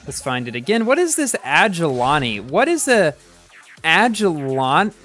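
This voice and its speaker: Lively chatty male game streamer. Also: fairly high pitch, measured pace, faint music behind. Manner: chatty, reacts aloud to the game, many restarts. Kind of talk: casual live-stream commentary.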